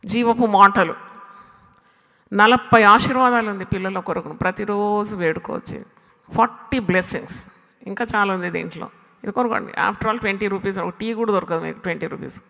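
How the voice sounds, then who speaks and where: A woman preacher delivering an animated sermon, firing rhetorical questions at her listeners and slipping English phrases into her talk. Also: medium pitch, a little fast, creaky, in a large hall.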